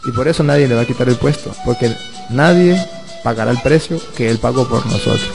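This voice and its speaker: Priest with gravelly voice. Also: male voice, medium pitch, a little fast. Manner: earnest, explaining through stories and questions. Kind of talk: preaching Bible teaching. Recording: music playing underneath.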